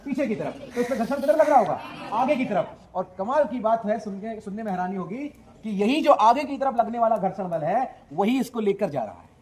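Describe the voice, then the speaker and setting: A man's voice: sits high, fairly quick. A man teaching a physics lesson. He asks his students questions, answers them himself, and stresses his points with energy. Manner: lively, emphatic explaining.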